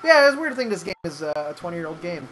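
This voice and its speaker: A man's voice: sits high, very animated, fast talker, sharp tone. A man playing through a game while chatting and reminiscing, cursing at his own mistakes. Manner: rambling, reminiscing, curses at mistakes. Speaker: let's play co-host, player. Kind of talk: casual gaming commentary. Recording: music playing behind.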